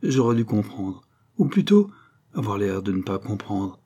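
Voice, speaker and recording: A man reading an audiobook, voicing a cool, affable young gentleman. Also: on the low side, moderate pace, husky, highs cut off. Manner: calm, affable, self-assured. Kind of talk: audiobook character voice.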